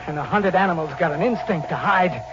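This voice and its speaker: This time the actor voicing the desperate, vengeful drifter on the run sounds haunted and frantic, his male voice sitting high and brisk, lightly acted over loud music. It's first-person narration in a 1940s radio thriller, full of tough slang and melodramatic, haunted delivery, on a muffled, noisy old recording with hum.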